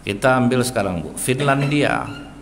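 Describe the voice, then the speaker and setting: A male Islamic preacher giving a religious study lecture in a small prayer room, telling animated stories and constantly addressing his listeners as sir and ma'am. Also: medium pitch, moderate pace, creaky, noisy background.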